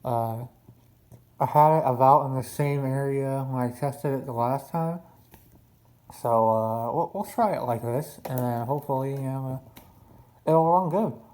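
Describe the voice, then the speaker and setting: A man's voice: mid-range voice, unhurried, a little mellow. A man talking casually in a hobby vlog, his articulation thick and slurred from a swollen tongue. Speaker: RC boat hobbyist showing a build.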